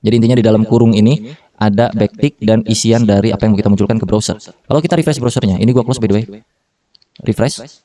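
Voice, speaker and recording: A man's voice: lowish voice, fast, dark tone, far from the mic. A man in his thirties giving a casual, slangy coding tutorial, often correcting himself mid-sentence. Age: 30s. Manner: slangy Jakarta-style casual talk with fillers and self-corrections. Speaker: programming tutor.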